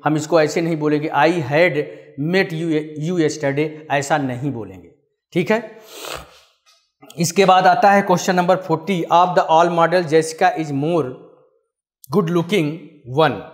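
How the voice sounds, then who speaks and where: A man teaching an exam-prep English grammar class, calling his students children and asking and answering his own questions, with the English example sentences read out slowly. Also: on the high side. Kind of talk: classroom-style grammar lesson.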